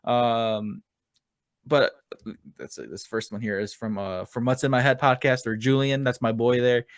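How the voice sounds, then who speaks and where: Halting podcast host, dry close mic. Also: mid-range voice, fairly even intonation, no room sound. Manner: halting, repeats words, laughs often. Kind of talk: casual podcast interview.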